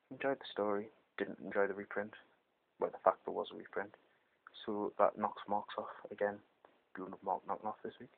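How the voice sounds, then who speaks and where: A man's voice: fairly low pitch, creaky, slight background noise. A hungover British man giving a casual, unscripted review in a hesitant, meandering way, as a comic book reviewer. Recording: dull, lo-fi amateur microphone sound.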